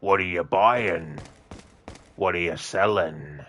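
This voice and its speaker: A man imitating a shady, gruff male video game merchant with drawn-out sales patter. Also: deep voice, fairly bright tone, full character voice. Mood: sly, inviting.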